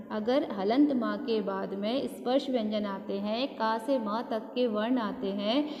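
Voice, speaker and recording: Echoey woman teacher, slow and questioning. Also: fairly high pitch, highs cut off. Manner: asks questions and answers them herself; drawn-out syllables when spelling words. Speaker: school teacher. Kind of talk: Hindi grammar lesson. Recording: echoey room with long reverb, faint noise.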